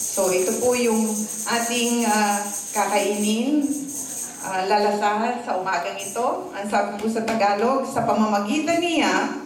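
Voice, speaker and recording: A woman's voice: medium pitch, measured pace, faint music behind. A woman pastor preaching a morning sermon, telling a story politely and switching between Tagalog and English. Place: church service, morning gathering. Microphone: handheld or stand microphone. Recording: very echoey hall, voice from a distance.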